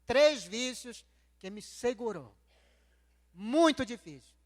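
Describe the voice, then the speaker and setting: A man whose first language is Nheengatu, telling his conversion story in a church service in a slow, heartfelt way and repeating his phrases. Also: very high-pitched, lively intonation, long reverb tail. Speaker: guest speaker giving testimony.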